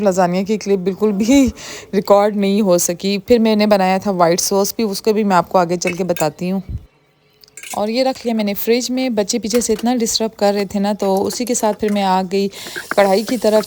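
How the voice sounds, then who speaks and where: A woman who talks quickly in a friendly, homely way, narrating her home cooking as a vlogger. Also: medium pitch, a little mellow, a little hiss or hum. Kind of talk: chatty cooking voice-over. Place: home kitchen.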